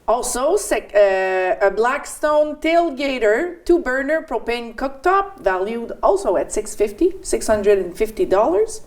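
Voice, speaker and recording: A woman's voice: fairly high pitch, animated, unhurried, few pauses. A woman in her forties with a French Canadian accent, co-hosting community radio and reading local notices with chatty asides. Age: 40s. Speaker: radio co-host. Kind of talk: community radio announcements and banter.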